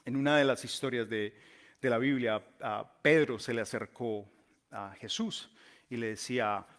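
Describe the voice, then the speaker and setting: A man's voice: mid-range voice, a bit bright. Emphatic man preaching a sermon. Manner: emphatic storytelling, slowing down on key words. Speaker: pastor.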